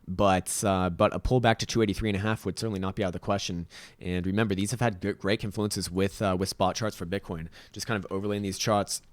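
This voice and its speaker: A man with a raspy, fairly low voice and a Latvian accent hosts casual chart commentary. He talks very quickly in an informal, self-deprecating way, recorded dry and close. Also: steady tone, no echo. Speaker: host, market analyst.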